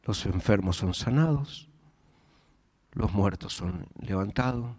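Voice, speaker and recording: An Argentine man voicing Jesus as a calm, gentle grown man, speaking softly, in a sermon. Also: lowish voice, slow, pitched below the performer's own voice. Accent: Argentine Spanish. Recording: church hall reverb with faint music.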